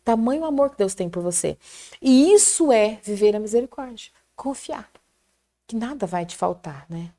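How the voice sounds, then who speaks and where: A middle-aged woman with a Brazilian Portuguese accent giving an animated, fervent faith testimony in casual chat. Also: fairly high pitch, moderate pace. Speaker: prayer group guest.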